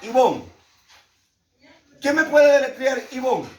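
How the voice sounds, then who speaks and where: A man's voice: very high-pitched, animated, takes it slowly, dull audio. A man with a Salvadoran Spanish accent teaching a Bible lesson to a class, repeating key words emphatically and asking the class questions. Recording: echoey room, speaker far from mic.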